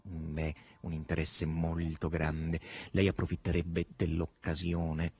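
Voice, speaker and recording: A man's voice: mid-range voice, lively intonation, moderate pace, husky. A man voicing a blunt, sardonic male demon henchman in an audiobook reading. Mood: conspiratorial. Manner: sardonic, teasing, curt.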